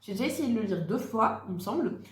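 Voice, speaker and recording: A young woman talks casually about her reading plans, hesitating often and restarting her sentences. Her voice sits at an ordinary middle pitch. The room around her gives a noticeable echo. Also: lively intonation, quick pace. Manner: chatty, hesitant, many fillers and restarts. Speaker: book vlogger. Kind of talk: casual chat. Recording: echoey room.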